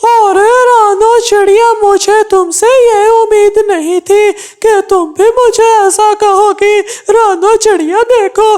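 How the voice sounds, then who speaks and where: A woman's voice: very high voice, fairly even intonation, takes it slowly, hardly any pauses, darkish tone. A woman voicing a boastful, hot-tempered aging male crow in a cartoon, insisting he is still young. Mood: defensive. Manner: boastful, defensive. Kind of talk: cartoon voice acting.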